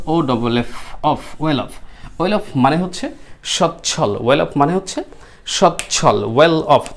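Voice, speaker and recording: A man's voice: on the high side, darkish tone. A man with a Bengali accent teaching English vocabulary, who spells words letter by letter and repeats them, then asks the class questions and answers them himself. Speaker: English tutor. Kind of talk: vocabulary lesson. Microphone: writes on a screen while teaching.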